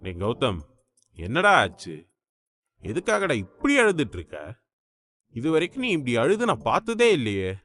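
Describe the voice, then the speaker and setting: A man's voice: fairly high pitch, huge pitch swings, moderate pace, long pauses, a bit bright, full character voice. A man voicing a young man who is a caring older brother, urgent and coaxing, in an audiobook. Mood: worried. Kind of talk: audiobook character voice.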